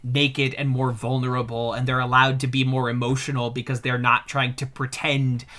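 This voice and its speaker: A man co-hosting a casual film podcast, with a bright, sharp voice. He talks in an animated, jokey way and swears freely. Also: medium pitch, moderate pace. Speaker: podcast co-host.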